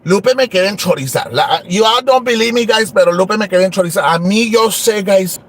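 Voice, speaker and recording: A man's voice: high-pitched, moderate pace, fairly bright tone. A man playing Rubí Moreno, a brassy gossip. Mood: sassy gossip. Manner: switches between Spanish and English, crude, gossipy. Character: brash foul-mouthed gossiping woman livestream host. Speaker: host. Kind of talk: comedy livestream character.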